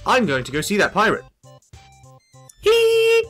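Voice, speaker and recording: A man commentating his own gameplay in a playful, jokey way, slipping in the odd curse. His voice is bright and lively in pitch, with soft game music under it. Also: normal speed. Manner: playful, jokey, sometimes sweary. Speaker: gaming video host. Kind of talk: let's-play commentary.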